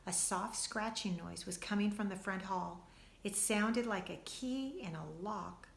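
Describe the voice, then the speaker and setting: A woman teacher reading a storybook aloud to children, expressive and speaking to them directly. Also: medium pitch, a little slow, gravelly, roomy sound.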